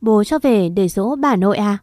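A woman's voice: mid-range voice, animated, moderate pace, darkish tone, no echo, clean studio sound, natural voice. Lady doing a caring but strict young aunt, asks a lot of questions. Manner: scolding, questioning.

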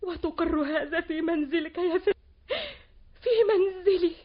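A high, sharp-edged voice of a stern older mother-in-law in an old radio drama. She talks in a commanding, accusing way, full of indignation. The sound is dull and lo-fi, like an old broadcast. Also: fairly even intonation, a little slow. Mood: indignant. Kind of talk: 1960s-era Arabic radio drama acting.

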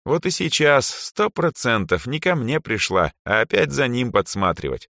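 A man voicing a lazy, bored teenage girl for a storybook reading, with a slow, flat and listless delivery. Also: medium pitch, vocal fry, no room sound, studio quality, voice pushed up. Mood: bored, sarcastic.

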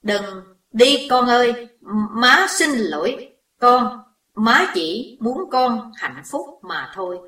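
A woman's voice: mid-range voice, expressive, slow, fairly bright tone. A woman voicing a frightened older mother, shaken and guilt-ridden, recorded in a roomy space away from the mic. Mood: shaken pleading. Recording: roomy echo, distant mic.

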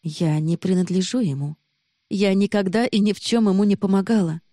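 A woman's voice: brisk, warm tone, no echo, clean studio sound, close to an everyday voice. A woman reading the lines of a young woman who is bewildered and pleading. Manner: pleading, rising in pitch.

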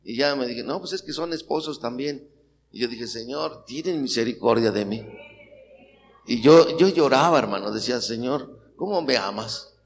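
Speaking at a moderate pace in a mid-range voice, a middle-aged man from Mexico delivers a sermon with a Mexican Spanish accent. He rouses his listeners by posing questions. The church hall setting gives a long reverb, with a little background noise.

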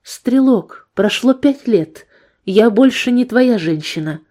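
A woman's voice: fairly high pitch, lively intonation, slow pace, dark tone, pitched above the performer's own voice. A woman voicing a frightened young woman who pleads desperately with her abuser in an audiobook. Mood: desperate pleading.

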